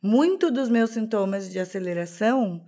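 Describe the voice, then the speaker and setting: A woman's voice: mid-range voice, expressive, moderate pace, dark tone. Chatty woman podcaster. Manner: chatty, candid, self-deprecating, many restarts. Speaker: podcast co-host. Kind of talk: casual podcast chat.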